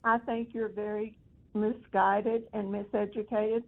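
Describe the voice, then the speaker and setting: A woman's voice: mid-range voice, flat delivery, a little slow, creaky. A woman on a phone call, stern and scolding as she lectures the caller. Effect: heard over a phone line. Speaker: prank call target. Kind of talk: phone argument. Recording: tinny phone line.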